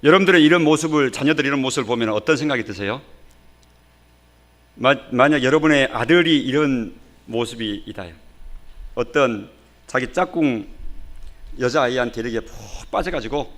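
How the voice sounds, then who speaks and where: A man's voice: medium pitch, moderate pace, long pauses, fairly bright tone. A male pastor preaching a Sunday sermon in a church, talking colloquially and putting rhetorical questions to the congregation. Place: church sanctuary.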